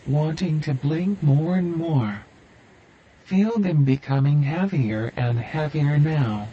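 A man guiding a listener through a hypnosis induction with slow, soothing, repetitive suggestions. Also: a little high, dark tone, muffled recording, slight background noise.

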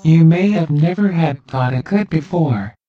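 A speaker guiding a hypnosis meditation with slow, soothing, repetitive instructions. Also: medium pitch, animated, recorded from a distance, lo-fi sound.

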